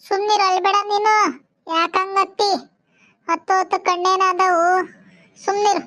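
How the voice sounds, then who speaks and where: A woman doing a shrill, pushy village relative. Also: little pitch movement, unhurried, sharp tone, heavily acted. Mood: insistent. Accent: rural Malnad Kannada.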